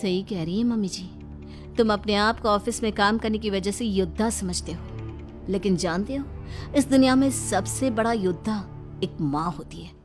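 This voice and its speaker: A woman's voice: mid-range voice, moderate pace, soft background music, close to an everyday voice. A woman voicing a bold, playful young daughter-in-law who talks like a film action hero, cheeky and dramatic, in a cartoon story. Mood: swaggering. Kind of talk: cartoon moral story acting.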